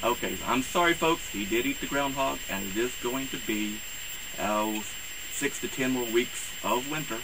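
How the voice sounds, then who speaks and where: A man speaking as a campy horror host, introducing things in a rambling, halting, theatrical way. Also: mid-range voice. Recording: clear hiss and background noise.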